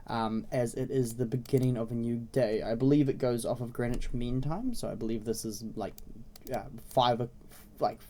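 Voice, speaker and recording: A man with a slightly raspy voice, congested with a cold, giving a casual, explanatory game tutorial as a video host. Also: medium pitch, fairly even intonation, moderate pace, dark tone. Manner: informal, explanatory, often checking in with "okay?" and "right?". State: congested with a cold, frequent throat clearing. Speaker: video host introducing a browser game series.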